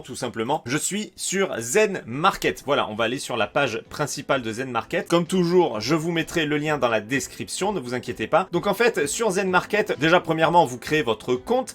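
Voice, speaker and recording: A man's voice: fairly high pitch, a bit bright. A French man walking viewers through a shopping website in a casual, chatty way, with plenty of fillers. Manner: chatty, enthusiastic, many fillers. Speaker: YouTuber reviewing collectibles. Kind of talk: casual screen-share walkthrough.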